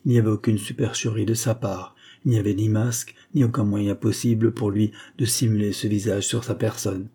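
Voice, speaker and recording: A man narrating an audiobook in a measured, dramatic reading. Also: lowish voice, steady tone, warm tone, husky. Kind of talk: scripted narration.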